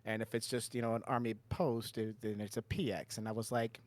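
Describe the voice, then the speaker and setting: A man's voice: lowish voice, level tone, fairly quick, darkish tone, no room sound. A man co-hosting a podcast in casual chat, rambling and restarting his sentences with frequent chuckles. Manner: rambling, self-interrupting, chuckles often. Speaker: podcast co-host.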